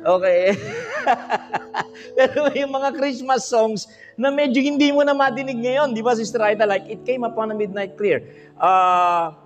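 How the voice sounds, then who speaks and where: A high-pitched Filipino man preaches on a livestream in an animated way. He keeps asking his listeners questions and breaks into bits of song. His voice carries a long hall reverb with faint music underneath. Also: normal speed, highs cut off. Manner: animated, audience questions, bursts of singing. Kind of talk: livestream sermon.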